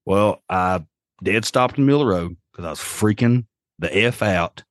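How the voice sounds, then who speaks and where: A man with an Appalachian accent and a low voice tells a story in a casual podcast setting. His talk is folksy and full of slang, and the sound is close and dry. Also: normal speed, no room sound. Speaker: podcast host.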